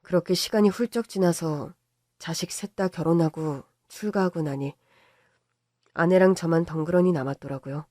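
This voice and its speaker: An older man calmly narrating his own family story in a scripted, reflective way. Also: fairly high pitch, moderate pace, no echo, clean studio sound. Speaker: narrator, father.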